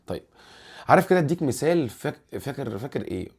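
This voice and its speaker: A man with an Egyptian accent hosting a casual football commentary vlog, animated and rambling, restarting his words often. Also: medium pitch, fast, creaky, slightly rough. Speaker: football channel host.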